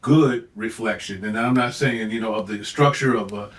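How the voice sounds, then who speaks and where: An older man, a podcast co-host, telling family stories in a relaxed, reflective way, with lots of "you know"s. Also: lowish voice, moderate pace. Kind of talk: casual chat. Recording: echoey room, mic at a distance.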